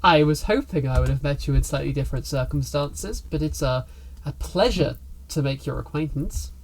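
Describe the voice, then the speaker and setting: A man's voice: on the high side, moderate pace, gravelly. A man voicing a frightened, fawning middle-aged nobleman in a tabletop game, talking with nervous, stammering politeness.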